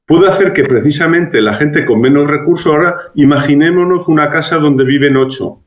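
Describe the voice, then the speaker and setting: A man being interviewed as a public health expert, giving measured, reasoned answers with frequent restarts. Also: fairly high pitch. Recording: roomy, dull lo-fi sound.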